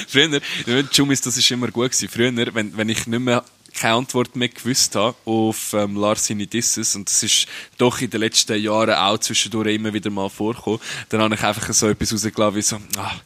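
A man's voice: lowish voice, level tone, fairly quick, pushed and bright. A young man with a Swiss German accent, co-hosting a casual podcast chat with teasing banter. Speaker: podcast co-host.

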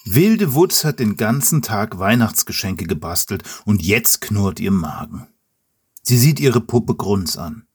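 A man with a low, husky voice reads a children's story aloud as host, addressing the young listener directly. His narration is friendly and steady, with a slightly rough, breathy grain. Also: a little slow.

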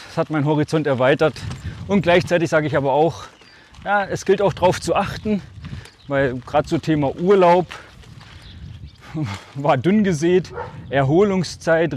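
On the high side and a little mellow, this man's voice comes with slight background noise. He's a German podcast guest in his forties, Altmark-accented with a hint of Swabian, telling stories casually and reflectively in short, drawn-out phrases.

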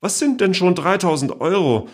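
A man's voice: sits high, big pitch swings, moderate pace, pitched above the performer's own voice. A man voicing a cheerful, scheming old great-aunt of seventy-eight who talks sweetly and innocently. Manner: sweetly innocent, chirpy and carefree.

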